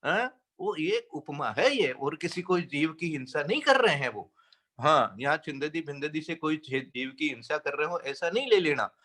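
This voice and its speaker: A man giving a slow, explanatory sermon on scripture, chanting verses and asking rhetorical questions. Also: a little high, sing-song, fairly bright tone. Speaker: Jain scripture teacher.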